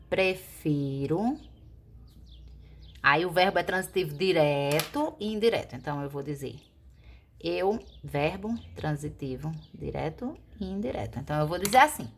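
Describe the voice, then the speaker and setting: Slow, deliberate woman teacher. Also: fairly low pitch, slight background noise. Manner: slow, deliberate explaining, stretching key words; asks and answers her own questions. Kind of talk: recorded grammar lesson.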